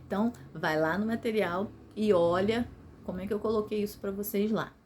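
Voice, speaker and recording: A woman's voice: mid-range voice, steady tone, fairly quick, a little mellow, slight background noise. A woman teacher with a Brazilian accent, patiently explaining a recorded video lesson to ninth graders and often checking in with her listeners. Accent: Brazilian Portuguese.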